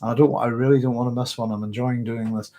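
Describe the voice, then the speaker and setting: Answering viewers during a late-night live sci-fi Q&A, this man, who hosts a science fiction channel, rambles conversationally and corrects himself. His medium-pitched voice is warm but flat in delivery, and he talks at a quick pace.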